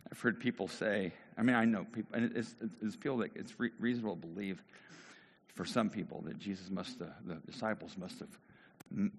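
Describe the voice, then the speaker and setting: A man preaching a conversational sermon, telling the story casually with many restarts and asides, in a church hall. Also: lowish voice. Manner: casual, animated storytelling, self-interrupting. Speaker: pastor. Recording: long hall reverb.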